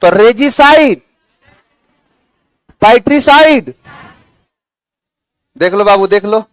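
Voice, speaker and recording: A man with a very high voice lectures a classroom in a chatty, coaxing way, repeating key words and spinning playful memory tricks. The sound is dry and close. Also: lively intonation, takes it slowly, clear, resonant tone, no room sound. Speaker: English teacher.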